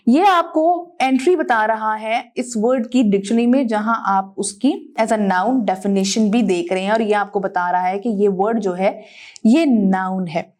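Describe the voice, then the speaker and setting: A woman teacher giving a video lesson, explaining words and grammar and mixing English terms into her speech. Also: fairly high pitch.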